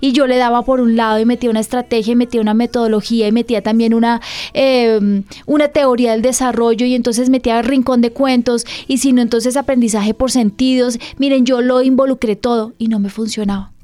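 A woman's voice: a little high, fairly even intonation, fairly quick, warm tone. A woman pastor hosting a church program, teaching earnestly and often turning to her listeners with questions. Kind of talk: church radio teaching talk.

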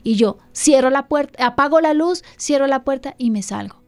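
Woman pastor-host, earnest and pleading, slightly high voice. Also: normal speed.

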